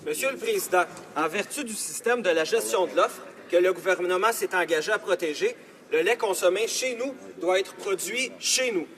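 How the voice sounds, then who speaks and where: Male MP, Quebec French accent, very high voice, formal challenge, reverberant hall. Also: lively intonation, a little fast, a bit bright. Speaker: member of parliament asking a question. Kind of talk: formal prepared parliamentary question. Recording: reverberant chamber.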